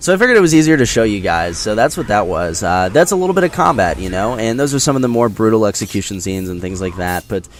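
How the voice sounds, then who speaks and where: A man with a fairly low voice gives casual commentary on a video game. He speaks straight to his viewers, explaining as he goes in a conversational way. Noise and ambience are audible behind his voice. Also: very animated, fast talker, few pauses. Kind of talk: casual scripted-free game impressions commentary over gameplay.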